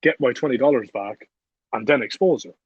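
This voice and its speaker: A husky-voiced young man in his late teens tells his story as a podcast guest, blunt and swearing freely, with laughs mixed into his talk. The recording is dull and lo-fi, and dry with no room sound. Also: medium pitch, a little fast, no echo. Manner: profane, blunt, laughs while telling the story. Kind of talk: casual storytelling.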